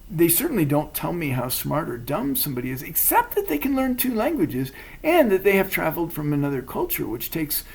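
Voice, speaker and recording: A man's voice: a little high, wildly swooping pitch, gravelly, a little mellow, slightly rough, low-quality recording. A man, chatting thoughtfully and poking fun at himself. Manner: thoughtful, measured, self-deprecating. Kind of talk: casual chat.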